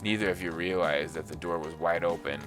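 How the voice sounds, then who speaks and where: A man's voice: low-pitched, steady tone, a little fast, music in the background. A young man reading a dating game aloud, joking and doing voices as he plays. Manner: jokey, reads dialogue in voices. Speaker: gaming YouTuber.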